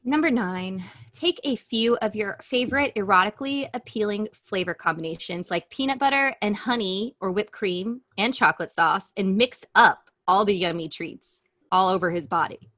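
A woman's voice: medium pitch, moderate pace, few pauses, a bit bright, no room sound, studio quality. A woman co-hosting a casual podcast chat, blunt and profane, reading items from a list and laughing often. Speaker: podcast co-host.

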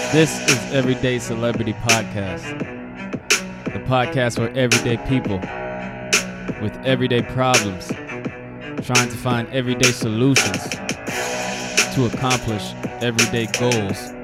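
A man's voice: medium pitch, measured pace, long pauses. A man reading a scripted podcast intro as an announcer. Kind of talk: scripted promo narration. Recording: loud music bed behind voice. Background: music.

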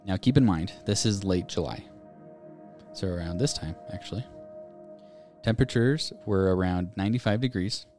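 A low-pitched man co-hosts a podcast at a moderate pace, pausing often over soft background music. He chats casually and reads listener ghost stories aloud in a steady, story-reading style.

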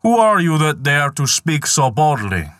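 A man voicing a boastful, scornful giant in a spoken folk tale, talking loudly and with contempt. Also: fairly high pitch, very animated, measured pace, no room sound, studio quality, pitched above the performer's own voice.

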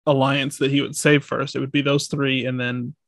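A man's voice: mid-range voice, flat delivery, moderate pace, vocal fry, a bit bright, no room sound. A young man co-hosting a casual podcast chat, hedging and restarting his thoughts with lots of "like". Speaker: podcast co-host.

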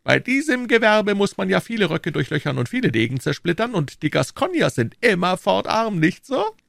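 A shrill, fussy young king. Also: big pitch swings, gravelly, fairly bright tone, no echo, studio quality, full character voice. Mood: teasing. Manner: shrill, fussy, quick to scold. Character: excitable high-voiced young male king. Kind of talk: audiobook character voice.

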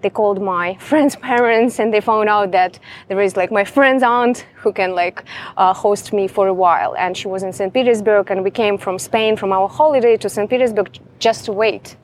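A woman's voice: medium pitch, normal speed, a little hiss or hum. Young woman telling her story. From Ukraine. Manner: chatty, fills with "like" often. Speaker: guest. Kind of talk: casual interview storytelling.

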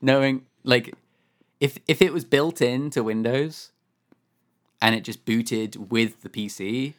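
A man's voice: mid-range voice, takes it slowly. A man co-hosting a podcast from home, chatting casually about a game in a rambling, wry way, often correcting himself. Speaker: podcast co-host. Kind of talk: casual chat.

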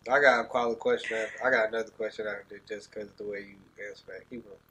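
A man's voice: lowish voice, steady tone, very fast, very noisy. A young man hosting a casual podcast, teasing and playful, full of slang and rambling. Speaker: podcast host.

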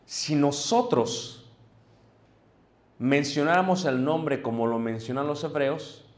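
A man's voice: a little high, slow pace. A man preaching to a congregation, explaining things patiently and often stopping to check whether his listeners are following. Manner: addresses listeners directly, checks in with "ok?". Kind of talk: sermon teaching to a congregation. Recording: echoey room.

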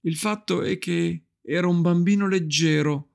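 Brief: man doing a tired storybook mother, soft and brave, pitched higher, gravelly edge. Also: fairly even intonation, a little slow. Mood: tender, brave. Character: weary tender mother, hiding her tears.

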